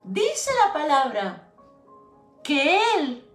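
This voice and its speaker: Woman pastor, high voice, slow deliberate sermon delivery, echoey hall. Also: huge pitch swings, faint music behind. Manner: emphatic preaching with repeated phrases and direct address.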